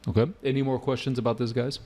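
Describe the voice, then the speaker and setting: A man's voice: mid-range voice, little pitch movement, fast talker, darkish tone. A man teaching an IELTS class live online, casual and often checking with his students. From United States. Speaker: IELTS tutor.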